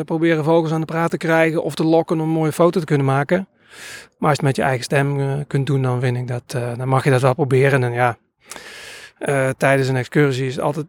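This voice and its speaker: A man's voice: on the high side, no room sound. A man who records nature sounds, telling stories in a casual interview and rambling hesitantly with many filler sounds.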